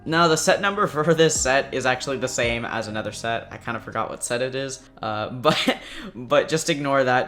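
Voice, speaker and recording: A man's voice: mid-range voice, fairly bright tone. A young man hosting his own video channel, chatting casually and rambling with lots of fillers and self-deprecating asides. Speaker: channel host.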